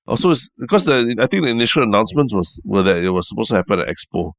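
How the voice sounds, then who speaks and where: A man's voice: lowish voice, sing-song, very fast, gravelly, no room sound, studio quality. A man with a Singaporean accent chatting casually as co-host of a podcast. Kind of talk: casual chat.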